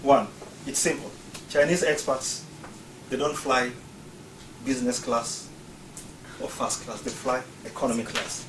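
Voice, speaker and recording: Unhurried and pausing often, a Ugandan man with a steady mid-range voice presents a prepared talk, explaining each point in order. He's recorded from a distance in a roomy space, with faint ambience and background noise.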